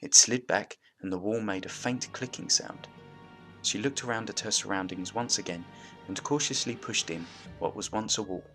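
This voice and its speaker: A man reading a story aloud as narrator in a steady, even manner, with faint music behind. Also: fairly low pitch, normal speed.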